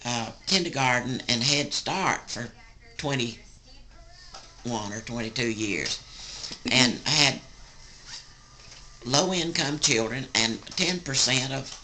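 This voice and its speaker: An elderly woman with a Southern US accent, a sweet old lady telling family stories in a folksy, rambling, gravelly way. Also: extremely low pitch, lively intonation, slow pace, long pauses, pushed and bright, a little hiss or hum. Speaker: grandmother recounting family stories. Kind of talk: casual oral storytelling.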